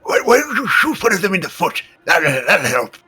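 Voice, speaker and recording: Man putting on a sly, sharp-voiced troublemaker. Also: sits high, very animated, moderate pace, breathy edge, faint music behind, pitched above the performer's own voice, full character voice. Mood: sly goading. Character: sly male adventurer whispering to stir up trouble. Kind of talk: role-play in a tabletop game.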